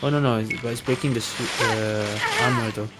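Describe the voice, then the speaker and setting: Amid heavy background noise plus game music and effects, a man comments casually on an action RPG at a fairly quick pace. His medium-pitched voice mutters reactions and reads the game text aloud for his video.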